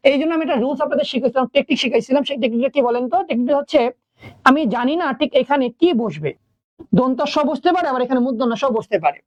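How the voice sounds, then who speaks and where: A woman's voice: high-pitched, animated, racing, a little mellow, no room sound. A woman teaching a spelling class, asking her students questions and then answering them herself. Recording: dull lo-fi recording.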